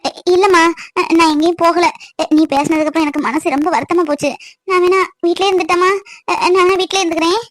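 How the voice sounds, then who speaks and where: A meek young husband who pleads and grumbles in a timid way. His cartoon voice is high and quick, recorded dry and close. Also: animated, a bit bright, dry recording, heavily acted. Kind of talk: cartoon voice acting.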